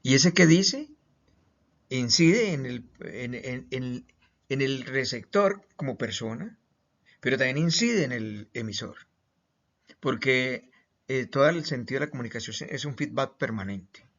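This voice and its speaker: A man's voice: mid-range voice, lively intonation, fairly bright tone. Colombian guy lecturing online, punchy questions, kinda muffled lo-fi sound. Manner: emphatic questions, pauses, repeated words. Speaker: teacher. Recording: slightly muffled lo-fi audio.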